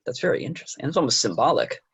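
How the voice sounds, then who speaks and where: A man's voice: mid-range voice, sing-song, racing, gravelly, fairly bright tone, husky. A man hosting an interview, asking hesitant questions that he often rephrases or leaves unfinished. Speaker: interview host. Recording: dull lo-fi audio.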